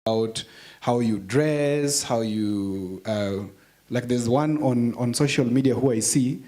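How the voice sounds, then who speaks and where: A man speaking as a forum panelist, casual and hesitant, pausing to search for words. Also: medium pitch, mellow.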